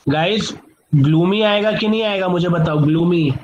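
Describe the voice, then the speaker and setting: A man's voice: sits high, normal speed. A man teaching vocabulary in an online class, playful, quizzing students and repeating words. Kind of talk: online class, mixing Hindi and English. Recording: dull lo-fi online class audio.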